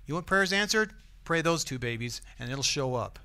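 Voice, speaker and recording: A man's voice: fairly high pitch, lively intonation, normal speed, pushed and bright, clean tone. A man with an American accent preaching a sermon in a church, conversational and often asking the congregation questions. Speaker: pastor.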